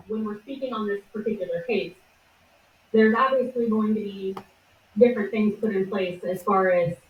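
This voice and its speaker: Woman, casual rambling talk, lots of ums, mid-pitched, far from the mic, roomy echo, dull sound. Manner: rambling, hesitant with many fillers. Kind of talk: casual discussion. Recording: echoey room, distant, dull sound.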